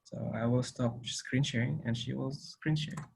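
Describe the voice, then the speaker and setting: A man's voice: medium pitch, fairly even intonation, measured pace, creaky, darkish tone, husky. Man moderating an online event. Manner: brief, procedural introductions.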